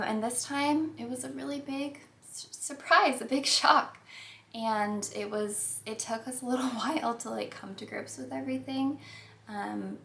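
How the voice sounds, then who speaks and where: A woman's voice: fairly high pitch, creaky, fairly bright tone, slight background noise. A young woman vlogger chatting casually to camera, slightly out of breath, with many ums and light laughs. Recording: echoey room with faint music.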